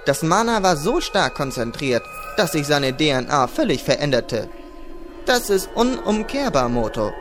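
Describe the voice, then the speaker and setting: A man voicing an old man who speaks calmly and consolingly, over background music. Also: fairly high pitch, moderate pace. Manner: calm, consoling, matter-of-fact. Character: old man, calm and sober comrade.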